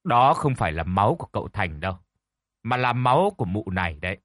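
A man playing a cold, calm master healer. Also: on the low side, no room sound, clean studio sound. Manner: cold, measured.

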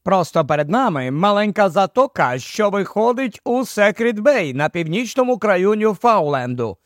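A man's voice: high-pitched, big pitch swings, normal speed, no echo, clean studio sound. A man voicing a cheerful, knowledgeable male scientist explaining eagerly in an audiobook.

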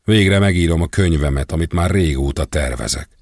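Guy doing a boastful jailed guy, breezy and pleased with himself, deep husky voice. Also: darkish tone, dry recording, studio quality. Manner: breezy, self-satisfied. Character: jailed man, cheerful and boastful.

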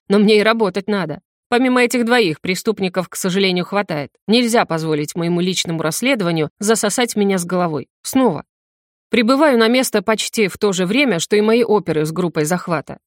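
Woman narrating an audiobook, steady matter-of-fact read, dry close mic. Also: mid-range voice, dry recording. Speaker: audiobook reader. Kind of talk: first-person scripted narration.

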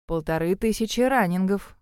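A crafty old street trader coaxing a customer in a lowered, knowing voice, voiced by a woman reading an audiobook. The tone is smooth and clean. The sound is dry and close. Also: normal speed, darkish tone, no echo, lightly acted. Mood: sly.

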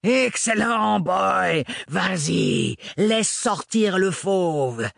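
A man doing a husky, sadistic storybook villain who savours every taunt, stretching words out slowly. The sound is dry and close, with no room around it. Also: medium pitch, lively intonation, a bit bright, dry recording, heavily acted. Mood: gleeful. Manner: slow, drawn-out taunting, English words slipped in. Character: cruel mocking man, menacing and sadistic. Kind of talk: audiobook character voice.

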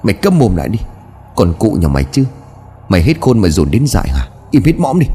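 Man doing harsh old father, domineering, cursing, barking orders, deep voice, lively swings. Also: brisk, slightly rough, heavily acted. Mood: furious.

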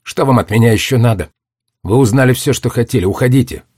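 A man's voice: fairly low pitch, expressive, unhurried, husky, no room sound, clean studio sound. A man reading a story aloud and voicing a young girl prisoner who is bitter and fierce. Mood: furious. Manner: fierce, bitter, shouting at times.

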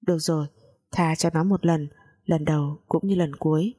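A woman's voice: deep voice, normal speed, husky. A woman voicing a cold, reserved wealthy male master who speaks curtly in a spoken story. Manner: curt, flat, cold.

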